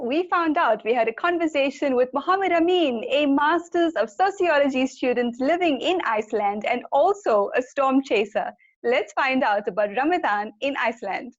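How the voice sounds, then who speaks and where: A woman hosting an online interview, measured and scripted. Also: high-pitched, animated, highs cut off. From South Africa. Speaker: host.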